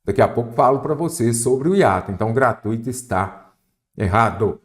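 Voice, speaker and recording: Brazilian man, exam-prep teacher, very lively pitch, asks and answers his own questions. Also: moderate pace. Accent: Brazilian Portuguese. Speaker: Portuguese teacher for exam candidates. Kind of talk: exam-prep grammar lesson.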